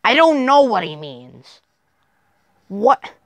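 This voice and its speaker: A woman's voice: on the high side, big pitch swings, slow pace, a bit bright, dry recording. A woman narrating her own amateur plush-toy puppet show.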